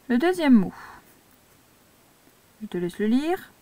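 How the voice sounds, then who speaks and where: Une institutrice française qui explique l'écriture cursive à de jeunes élèves, pas à pas et avec patience. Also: female voice, on the high side, very animated, mellow, dry recording. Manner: slow, patient step-by-step instruction. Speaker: primary school teacher. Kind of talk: handwriting lesson for young children.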